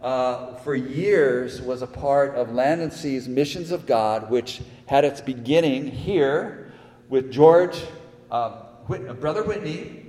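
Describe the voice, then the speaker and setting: An older male pastor preaches slowly in a mellow, slightly raised voice, wandering through his points with plenty of ums and then swelling into emphatic declarations. His voice rings through a church hall with a long, roomy reverb. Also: mid-range voice. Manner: rambling, halting with many fillers, rising to emphatic peaks. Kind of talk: sermon.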